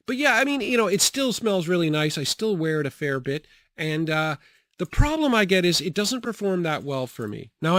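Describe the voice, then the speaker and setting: A young man chatting casually about his fragrances, relaxed, with many fillers and frequent laughs. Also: on the high side, dry recording, studio quality. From grew up partly in the Bahamas and Jamaica. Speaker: fragrance reviewer. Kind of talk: casual product review.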